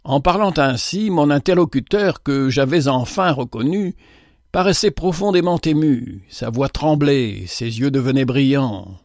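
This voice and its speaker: A man narrating a story in the first person, measured and expressive. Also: medium pitch, dry recording, clean studio sound. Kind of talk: storybook reading.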